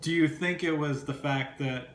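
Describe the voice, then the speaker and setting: A man's voice: on the high side, fairly even intonation, moderate pace. A man co-hosting a casual chat, teasing his friend with dry interjections. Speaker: podcast co-host. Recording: echoey room with faint background noise.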